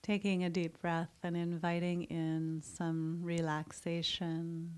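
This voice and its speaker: A woman guides a mindfulness meditation in a soft, soothing voice. She speaks very slowly and leaves long pauses between phrases. Her voice sits a little low. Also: little pitch movement, clean tone.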